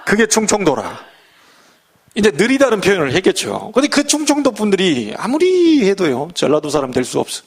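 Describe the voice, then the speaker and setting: A man's voice: sits high, huge pitch swings, a little fast, few pauses, husky. A middle-aged male pastor giving a folksy sermon full of humor and rhetorical questions.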